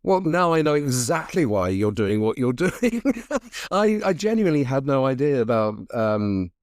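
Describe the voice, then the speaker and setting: A man's voice: mid-range voice, sing-song, normal speed, no echo, clean studio sound. A man hosting a podcast interview, friendly, with stumbling restarts in his questions.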